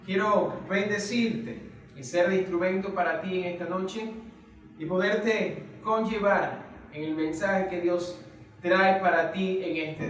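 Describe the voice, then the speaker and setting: A man preaching a sermon, reading scripture in an earnest, measured way and stretching out key phrases. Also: high-pitched. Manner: earnest, measured, drawn-out emphasis. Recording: echoey room, distant mic. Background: soft guitar music.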